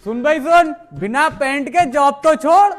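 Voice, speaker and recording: A man playing a scolding uncle, very high voice. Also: unhurried, faint music behind. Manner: insulting, scolding. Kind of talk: comedy sketch acting.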